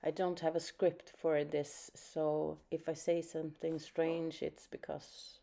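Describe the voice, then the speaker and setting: The voice is low-pitched and level, slow, with vocal fry. It belongs to a Swedish art teacher from Sweden giving an improvised watercolor painting lesson in English, her Swedish accent clear as she speaks softly and thinks aloud with fillers.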